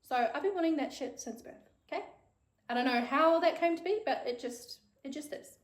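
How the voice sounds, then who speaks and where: A New Zealand woman in her thirties runs her own podcast, talking brisk and casual on her own with plenty of swearing. Her voice sits high, and her frank chatter echoes with reverb.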